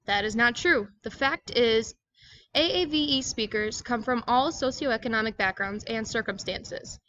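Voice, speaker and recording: A woman's voice: on the high side, moderate pace, pushed and bright, lo-fi sound, slight background noise. A woman giving a scripted educational presentation, reading aloud in a plain, explanatory manner.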